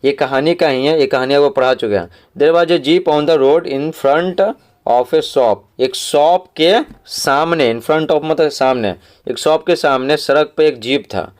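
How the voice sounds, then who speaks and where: A man teaching schoolchildren. He explains exam answers, spells words out letter by letter and reads the English lines slowly. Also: mid-range voice, a little mellow, clean tone. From Bihar, India.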